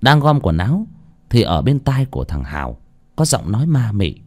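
A man narrating a horror story in a dramatic, expressive way. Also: lowish voice, normal speed.

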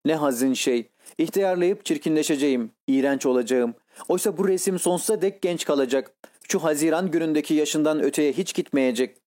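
A man's voice: on the high side, brisk, a little mellow, lightly acted. A man voicing a handsome, vain young man in an audiobook reading, speaking with a pleading, impassioned delivery. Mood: anguished.

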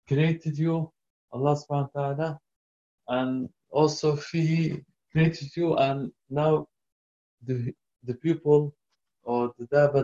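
Guy teaching a quran class, recites then quizzes students on words, broken english, mellow voice, muffled lo-fi audio. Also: on the high side. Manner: recites verses then asks students word meanings; halting, non-native English with restarts. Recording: dull lo-fi recording.

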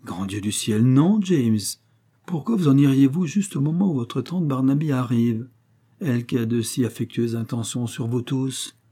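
A man's voice: mid-range voice, normal speed, warm tone, husky, close to an everyday voice. A man reading aloud, voicing a fond father who exclaims earnestly. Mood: alarmed. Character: alarmed, fond elderly father.

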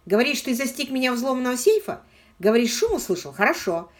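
A woman's voice: high voice, very animated, fast talker, pitched above the performer's own voice. A woman voicing a determined young man who speaks in an urgent, heated way.

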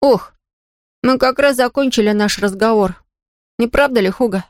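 A woman voicing a stubborn, anxious boy under ten who talks quickly and defensively. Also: on the high side, no echo, studio quality, pitched above the performer's own voice, lightly acted.

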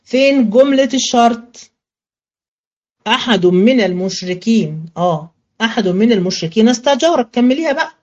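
A woman teacher with an Egyptian accent giving a religious studies lesson in colloquial Arabic, asking questions and answering them herself, and slowing to a chant when she recites verses. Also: fairly high pitch, darkish tone, highs cut off.

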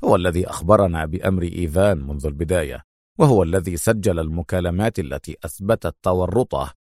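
A man reading a spy novel aloud as narrator, in expressive scripted storytelling. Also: low voice, no room sound, clean studio sound. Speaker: audiobook narrator.

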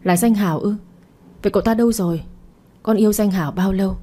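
A woman's voice: medium pitch, fast, mellow, natural voice. A woman voicing a stern, worried middle-aged mother who presses her daughter with questions. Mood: demanding. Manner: questioning, scolding.

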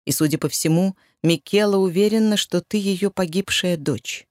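A woman voicing a calm, protective man in an audiobook, speaking low and steadily. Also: moderate pace, no echo, studio quality, lightly acted. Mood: soothing. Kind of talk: audiobook reading.

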